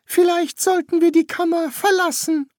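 A man voicing an ancient, pompous high priest who fawns over his master in an audiobook. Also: steady tone, normal speed, a little mellow, no room sound, clean studio sound. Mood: fawning. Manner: pompous, fawning.

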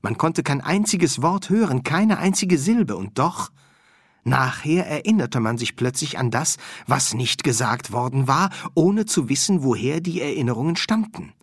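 A man narrating a fantasy audiobook with expressive storytelling. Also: mid-range voice, normal speed, breathy edge, dry recording, studio quality. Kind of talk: scripted narration.

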